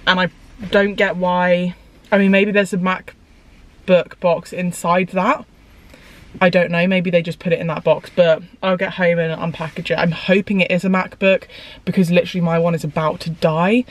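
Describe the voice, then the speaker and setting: A young British woman with a lowish, slightly croaky voice today chats casually to camera, rambling with lots of fillers. She starts in a parked car filmed by a dashboard camera, then moves to her home hallway with a handheld camera.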